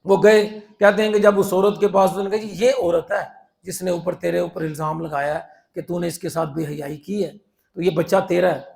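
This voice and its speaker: A man preaching a sermon in a storytelling way, acting out the people in his stories and swinging between loud and quiet passages. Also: high-pitched, gravelly. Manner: animated, acts out quoted voices, swings from loud to soft.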